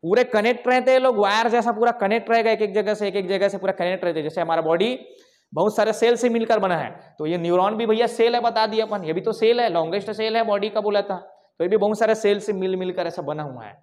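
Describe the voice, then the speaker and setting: A man's voice: high-pitched, fast talker. A male coaching teacher, teaching a live online class in an informal way, asking questions and then answering them himself. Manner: repetitive call-and-response questioning; informal, calls students bhaiya and bhai. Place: coaching class, recorded over slides.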